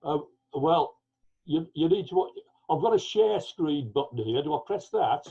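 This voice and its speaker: A man's voice: a little high, expressive, measured pace, warm tone, breathy edge. A man speaking as a guest speaker on a video call, hesitant and repeating words, his voice coming through clipped, muffled, phone-like call audio. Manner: hesitant, repeats words while working out the controls. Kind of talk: unsure chat about sharing his screen. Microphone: computer on a video call. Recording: muffled lo-fi call line, distant from the mic.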